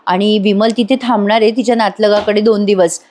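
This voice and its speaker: A woman's voice: mid-range voice, fairly even intonation, brisk, darkish tone, slight background noise, lightly acted. A woman reading the lines of a kind middle-aged mother-in-law who fusses in a motherly way.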